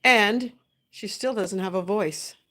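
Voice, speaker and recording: A middle-aged woman hosts a casual family livestream, talking with her children in a gentle, patient way. She guides and coaches them as they go. Her voice sits at an ordinary middle pitch. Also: slow. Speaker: parent hosting a family livestream.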